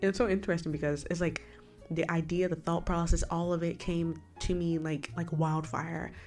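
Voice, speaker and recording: A woman with a low voice hosts a casual faith podcast, talking in a chatty, rambling way and turning often to address the listener. A slight lisp from a new retainer colors her words, and faint music plays behind her. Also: level tone, normal speed, darkish tone. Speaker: podcast host.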